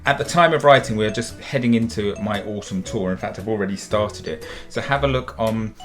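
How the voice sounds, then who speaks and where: A middle-aged man from the UK talks children through a drawing lesson in a chatty, encouraging way, calling them guys. His voice sits on the low side. Soft music plays faintly behind him. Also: fairly quick. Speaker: children's drawing tutor and author.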